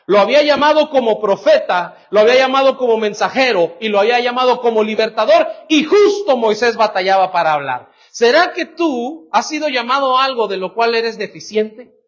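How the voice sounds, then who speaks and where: A pastor preaching a sermon in church, animated and full of rhetorical questions. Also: male voice, very high-pitched, fairly quick, hardly any pauses. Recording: dull lo-fi church recording.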